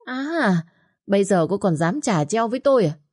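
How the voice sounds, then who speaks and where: A woman voicing a domineering older mother-in-law who scolds and hurls insults in quick bursts. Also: mid-range voice, sing-song, darkish tone, voice pushed up. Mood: furious.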